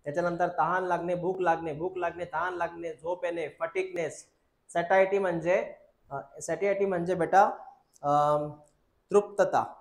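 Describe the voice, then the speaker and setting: A man's voice: on the high side, steady tone, moderate pace, creaky, roomy sound. A male biology teacher lectures a class, drilling students with repeated questions and calling them "beta".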